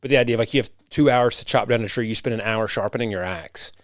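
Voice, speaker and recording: A man's voice: on the low side, fast talker, dry recording, clean studio sound. A man hosting a podcast and serving as a rural pastor, talking in a reflective, rambling way with frequent restarts. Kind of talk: casual conversation.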